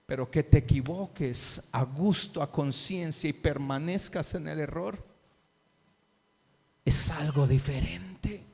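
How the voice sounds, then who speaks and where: A man's voice: a little high, slow pace, creaky, darkish tone, husky. A male preacher giving a sermon, impassioned and pressing his listeners with rhetorical questions. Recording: reverberant hall with faint music.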